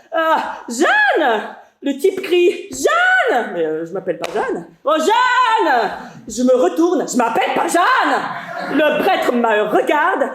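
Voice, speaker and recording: An actress voices a frazzled young woman of nearly thirty, rushing and breathless, her rhythmic delivery breaking into sudden outbursts. Her voice sits high and bright. A roomy hall echo hangs around every line of this live stage reading. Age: 20s. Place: stage at a theatre festival.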